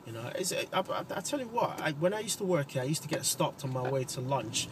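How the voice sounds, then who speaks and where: Rambling man, distant in loud traffic. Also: a little high, sing-song, quick pace. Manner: rambling, hesitant, with many fillers. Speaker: comedy co-host, passenger. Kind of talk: casual chat. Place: inside a car driving through city streets.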